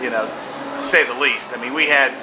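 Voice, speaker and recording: Man, middle-aged, American accent, medium pitch, casual interviewee, rambling repetitive delivery, clear steady background noise. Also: brisk. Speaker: haunted attraction founder being interviewed.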